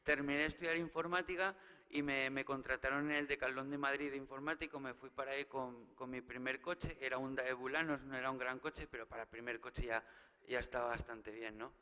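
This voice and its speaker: A man's voice: medium pitch, fairly even intonation, a little fast, pushed and bright, clear, resonant tone. A man in his thirties from Spain with a Spanish accent, hosting a live awards gala as a stand-up comic who jokes with and rallies the audience. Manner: chatty, joking, teasing the audience, rallying the crowd. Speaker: gala host. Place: large hall with a live audience. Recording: live hall recording with long reverb and faint noise.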